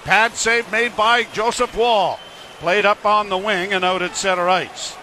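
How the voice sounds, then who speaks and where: A man calling live hockey in a rapid running play-by-play as a broadcast commentator. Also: high voice, fairly even intonation, bright, forceful tone, slight background noise. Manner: rapid running call of the action.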